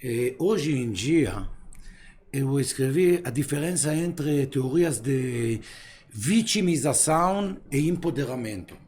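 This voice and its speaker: A man's voice: medium pitch, expressive, slow pace, a little mellow. A man born in Israel, a guest philosopher speaking casually in an interview, hesitant and full of fillers as he searches for words in a language that is not his first. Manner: hesitant, filler-heavy, broken Portuguese. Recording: faint background noise.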